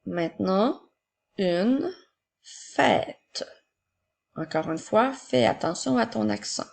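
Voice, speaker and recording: A woman teacher giving a slow, clear spelling and dictation lesson to young children, repeating each word. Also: mid-range voice, expressive, darkish tone.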